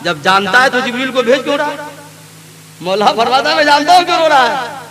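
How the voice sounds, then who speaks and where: High-voiced fervent male preacher. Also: animated. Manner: swings from soft storytelling to loud, fervent calls for the crowd's response. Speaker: Islamic preacher. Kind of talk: sermon to a live gathering. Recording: live event with crowd audible. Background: crowd.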